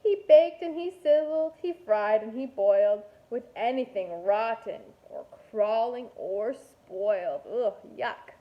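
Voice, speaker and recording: In a slightly dull home recording, a kindergarten teacher with a high voice reads a picture book to her listeners. Her storytelling is expressive and deliberate, sprinkled with playful asides.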